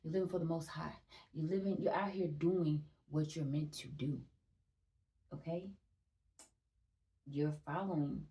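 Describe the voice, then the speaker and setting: This is a young woman talking through a spiritual energy reading in a chatty, emphatic way, repeating herself for stress and swearing freely. Her voice sits slightly low with a mellow, dark tone. She is heard a little away from the microphone. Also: fairly even intonation, unhurried, pauses often, distant mic. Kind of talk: casual tarot-style energy reading.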